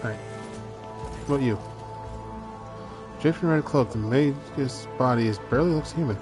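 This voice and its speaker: A man with a mid-range voice plays through a game and reads its dialogue aloud. He stumbles and restarts on words between casual asides. Game music plays clearly behind him. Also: medium pitch, normal speed. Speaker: video game streamer. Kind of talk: let's play commentary.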